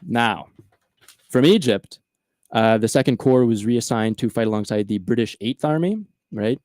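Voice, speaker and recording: Male podcast host, animated storyteller, casual, dry recording. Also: medium pitch, normal speed, no echo.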